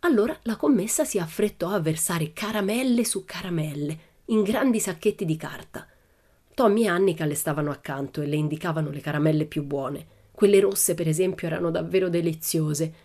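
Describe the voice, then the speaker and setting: Children's audiobook narrator: woman, low and warm, storytelling tone. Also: a little fast.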